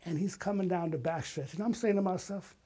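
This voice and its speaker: An older man, a retired artist and playwright, tells personal stories as an interview guest, dramatic and emphatic, acting out the quotes. His voice is high, a little fast, mellow and slightly rough.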